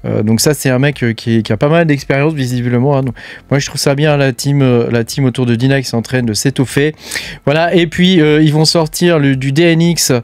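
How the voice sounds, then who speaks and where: A man's voice: mid-range voice, fairly even intonation, a little fast, a little mellow, no room sound. A man hosting a casual news roundup for his channel, chatty and full of filler words and hesitations. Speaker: crypto mining channel host.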